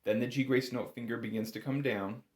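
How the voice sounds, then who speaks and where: A bagpipe instructor gives an informal music lesson, his medium-pitched voice steady, brisk and a little mellow. He hedges, often corrects himself, and leans hard on key words. The room sounds roomy and echoing.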